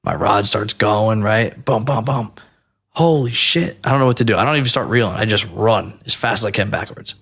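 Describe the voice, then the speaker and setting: A man in his thirties from New Jersey tells stories on a casual podcast, with a gravelly, creaky edge to his voice. His pitch sits on the low side. He talks in an animated, profane way. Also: fairly quick, few pauses. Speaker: podcast guest.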